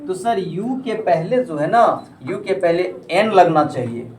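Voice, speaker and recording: A man's voice: sits high, lively intonation, measured pace, a little mellow. A man tutoring a classroom in English grammar. He keeps asking questions and leaves sentences unfinished for the students to complete. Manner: prompts the class to finish his sentences. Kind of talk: classroom lesson. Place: coaching classroom. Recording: roomy classroom from a distance. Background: students chattering and answering.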